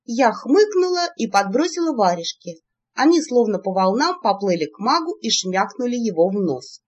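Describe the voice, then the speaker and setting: A woman narrating a first-person story in an expressive, lively reading, in a dull lo-fi recording. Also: on the high side, normal speed, slightly rough. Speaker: audiobook narrator.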